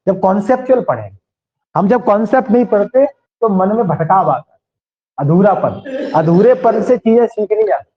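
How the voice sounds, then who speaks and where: High voiced teacher guy, western up hindi accent, keeps asking the class questions, dull echoey recording. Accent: western Uttar Pradesh Hindi. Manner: questioning students, repeating key points. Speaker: maths teacher. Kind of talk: classroom lecture.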